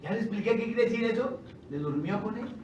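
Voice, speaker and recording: Preacher, male, high voice, chatty and jokey, heard from off-mic with a faint hum behind. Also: fast talker. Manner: lively, conversational preaching with joking asides; rises loudly when reading scripture. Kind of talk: sermon. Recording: roomy and distant with faint ambience.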